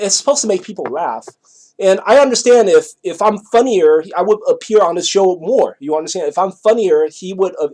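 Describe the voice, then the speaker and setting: The recording is rough, and the speaker's voice sits high with a darkish tone. He's a middle-aged man from Taiwan with a Taiwanese accent, casually telling a personal story in a rambling, halting, repetitive manner and often confirming that the listener follows.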